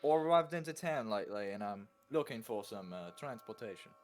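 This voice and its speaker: A man's voice: mid-range voice, animated, normal speed, faint music behind, lightly acted. A man playing a hesitant rich businessman. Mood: probing. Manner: attempted accent, hesitant. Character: wealthy male businessman, newly arrived. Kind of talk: tabletop role-play.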